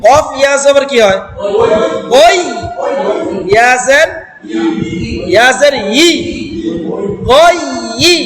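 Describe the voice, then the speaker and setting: High-voiced man drilling Quran syllables. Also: lively intonation, crowd noise. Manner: drills syllables slowly, asks students to repeat. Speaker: Quran teacher. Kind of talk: classroom recitation lesson. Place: classroom with group of students. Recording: echoey hall with class noise. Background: students repeating aloud.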